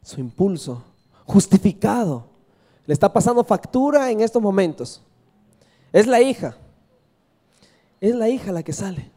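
A man's voice: high voice, sing-song, measured pace, pauses often, warm tone. A man from Peru preaching a sermon, telling a personal story and asking the congregation questions, often adding "¿verdad?".

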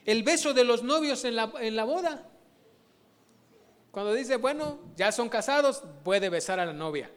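A man's voice: extremely high pitch, lively intonation, moderate pace, pauses often, smooth. A man giving an informal sermon, chatting to his congregation and tossing in rhetorical questions.

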